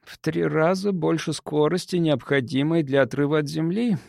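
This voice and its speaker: A man's voice: on the high side, moderate pace, gravelly, darkish tone, no echo, clean studio sound, pitched above the performer's own voice. A man voicing a cocky, boastful male crewman who speaks in a raised, self-satisfied voice.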